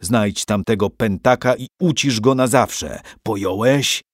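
Mężczyzna czytający audiobooka, grający groźnego złoczyńcę, który szorstko wydaje rozkazy. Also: male voice, fairly low pitch, unhurried, no echo, clean studio sound. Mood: menacing. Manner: gruff, threatening orders. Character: menacing grown man, a scheming villain. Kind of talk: audiobook character voice.

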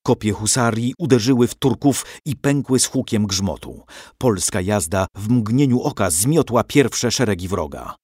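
A man reading a storybook aloud with dramatic, expressive narration. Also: on the low side, moderate pace, few pauses, husky, dry recording, studio quality.

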